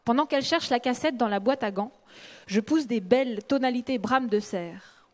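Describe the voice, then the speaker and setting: A woman novelist reading a passage of her own book aloud in a lively, expressive way. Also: on the high side, normal speed.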